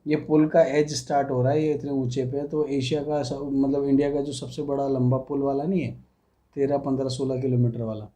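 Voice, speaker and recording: A young man from India talks through a reaction video in a relaxed, musing way. His voice is deep-toned and very dark, and he mixes Hindi and English freely. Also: a little fast.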